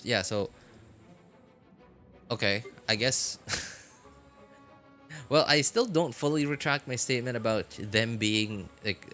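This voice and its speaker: A man with a low-leaning, slightly bright voice chats casually on a gaming livestream. Background music plays while he rambles, corrects himself and occasionally chuckles.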